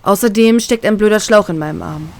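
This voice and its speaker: A woman narrating a first-person fan-fiction story in a calm, even storytelling way. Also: medium pitch, fairly quick, gravelly. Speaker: reader, narrator.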